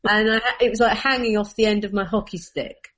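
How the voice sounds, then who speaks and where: Animated woman telling stories. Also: medium pitch, brisk. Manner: animated storyteller, laughing through anecdotes. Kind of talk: casual chat.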